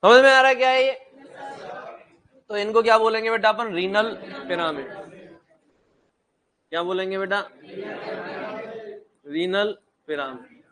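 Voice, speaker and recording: A man with a very high voice lectures a class. He talks bluntly and half-jokingly, scolds his students and keeps asking them questions that he answers himself. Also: measured pace, pauses often, bright, forceful tone, some chatter behind. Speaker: teacher.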